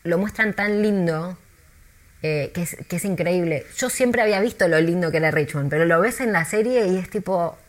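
An Argentine woman who works as a tour guide, chatting in an interview with lively, storytelling delivery and many restarts. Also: fairly low pitch, normal speed. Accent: Argentine Spanish.

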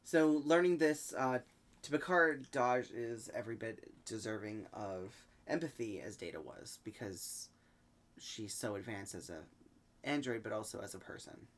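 A man hosting a podcast and recapping an episode in a relaxed way, with lots of ums. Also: on the low side. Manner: easygoing, halting with many ums. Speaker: podcast host. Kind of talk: casual recap chat.

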